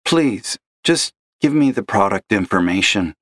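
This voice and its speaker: In a dry, studio-quality recording, a man with a fairly low, somewhat bright voice reads an audio story at a slightly slow, animated pace. He plays an upbeat young customer service agent who stays polite and patient with a difficult caller, sounding chipper yet strained.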